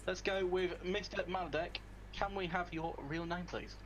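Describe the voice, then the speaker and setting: A man's voice: high-pitched, fairly even intonation, normal speed, crowd noise. A man with a northern English accent interviewing a streamer in a casual, joking way, often stammering and restarting. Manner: stammers and restarts, dry jokes. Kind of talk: casual joking chat over a stream call.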